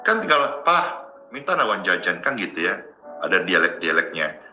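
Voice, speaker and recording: A man preaches a sermon to people watching, talking casually and joking between points. His voice sits low but sounds very bright and forceful. The room is echoey, with faint music underneath. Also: sing-song, normal speed. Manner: joking, conversational preaching to viewers. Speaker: pastor.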